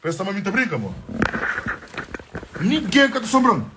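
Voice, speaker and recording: Man, high voice, swings up and down a lot, boastful, mixes in French, casual live stream. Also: very animated, a little fast, heavy background noise. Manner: boastful, switches between Portuguese and French. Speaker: livestreamer. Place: at home. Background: faint music.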